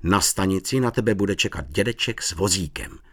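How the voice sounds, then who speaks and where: A man voicing a patient but firm young mother in a storybook reading, speaking gently yet strictly. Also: deep voice, husky, no echo, clean studio sound. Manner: gentle, then stern.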